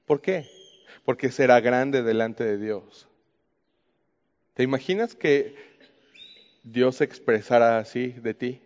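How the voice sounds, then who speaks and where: A man's voice: mid-range voice, slow pace, long pauses, darkish tone. A man with a Mexican accent teaching from the Bible in a conversational way, often asking the listener questions. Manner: talks to the listener with frequent questions. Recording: muffled with long hall reverb.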